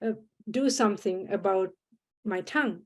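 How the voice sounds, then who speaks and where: A Sri Lankan woman appears as a guest on a reflective podcast, speaking at medium pitch in an earnest, measured way and often restarting her sentences.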